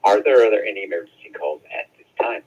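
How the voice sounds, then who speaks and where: A man running an amateur radio net, reading the script haltingly with fillers and self-corrections, heard over a two-way radio with static. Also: fairly low pitch, expressive, darkish tone, breathy edge. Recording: narrow-band radio transmission.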